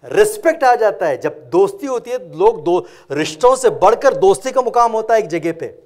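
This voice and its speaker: A man from India giving a motivational workshop talk, telling stories dramatically and swinging between loud and hushed passages. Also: sits high, animated. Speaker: motivational speaker.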